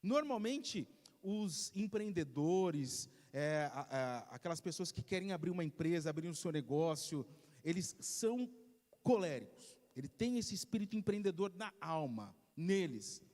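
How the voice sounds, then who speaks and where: A man preaching a church sermon, lively, saying amen and acting out voices. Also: a little high, unhurried. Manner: lively, responds with amens, acts out voices. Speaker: pastor, husband co-preaching. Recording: church hall reverb.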